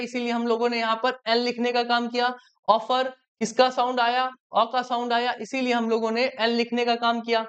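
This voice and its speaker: A woman's voice: on the high side, fairly bright tone, clean tone, lo-fi sound. A woman teacher giving a grammar lesson to children, asking questions and then answering them herself.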